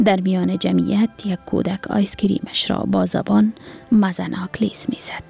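A woman with an Afghan Dari accent reading a story aloud in soft, near-whispered narration. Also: medium pitch, little pitch movement, creaky, husky, faint music behind.

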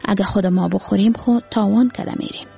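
A woman's voice: mid-range voice, steady tone, creaky, warm tone, faint music behind, close to an everyday voice. A woman voicing a poor, proud old man who sells bananas from a cart, speaking plain street talk with an Afghan Dari accent. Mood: gentle. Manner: calls out wares and bargains in plain street talk.

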